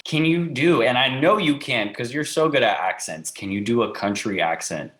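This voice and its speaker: A man hosting a casual interview, enthusiastic and quick to laugh. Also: mid-range voice, expressive, a bit bright. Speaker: host.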